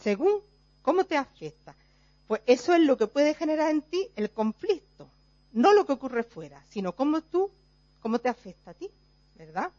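A woman's voice: sits high, very animated, moderate pace, warm tone, dry recording. A woman teaches a group informally. She explains step by step, checks in with "right?" after nearly every phrase, and acts out everyday examples. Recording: dull, dry, lo-fi recording.

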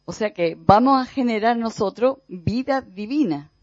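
A preacher from gives a reflective spiritual teaching, speaking thoughtfully with pauses and soft repetitions. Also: medium pitch, lively intonation, no echo. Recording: dull, dry lo-fi recording.

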